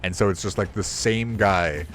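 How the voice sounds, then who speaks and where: Laid-back male streamer, lowish voice. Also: moderate pace, fairly bright tone, slight background noise. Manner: rambling, swears freely, self-mocking. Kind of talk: casual gameplay commentary.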